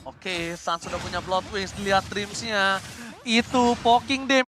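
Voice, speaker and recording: A man commentating a live game tournament like a fighting game announcer, with drawn-out shouted calls. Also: high voice, over music. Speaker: esports shoutcaster.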